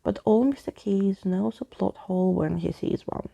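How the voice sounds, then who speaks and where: A woman's voice: medium pitch, normal speed, gravelly, warm tone, lo-fi sound. A woman voicing a pompous, wordy old male skeleton in a storybook reading, with grandiose, theatrical speech. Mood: revealing.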